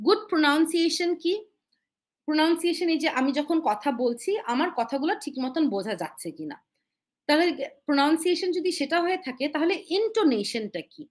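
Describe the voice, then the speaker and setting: A woman teaching an IELTS speaking webinar. She mixes with English phrases and slows down to read the English points aloud. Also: high-pitched, very animated. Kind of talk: live webinar lesson. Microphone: webinar microphone.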